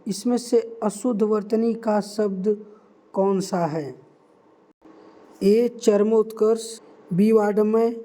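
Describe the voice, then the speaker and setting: Young guy teacher, highish mellow voice, reads quiz options slow and repeats stuff. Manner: reads options slowly, repeats key words to stress them. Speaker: Hindi exam tutor.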